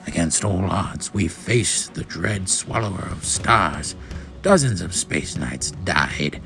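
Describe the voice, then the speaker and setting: A deep, gravelly male voice narrates a space saga in the first person, solemn and theatrical in the style of a dramatic comic-book reading. Music plays behind him.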